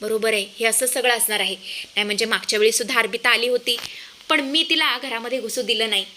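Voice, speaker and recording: A sharp, fearless young daughter-in-law, as a woman narrator puts her on, defiant and confrontational. High and bright, with a cutting edge. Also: fast, a little hiss or hum. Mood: suspicious musing.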